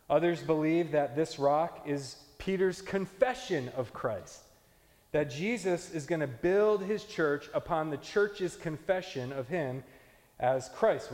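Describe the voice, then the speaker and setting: A pastor preaching a conversational teaching sermon, explaining scripture verse by verse. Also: male voice, a little high, a little mellow, long reverb tail. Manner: conversational teaching with fillers and restarts.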